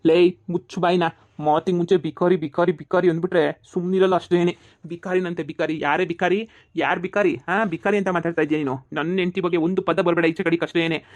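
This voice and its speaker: A man's voice: high voice, steady tone, fairly quick, no echo, close to an everyday voice. Man playing a hot-tempered village husband. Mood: angry.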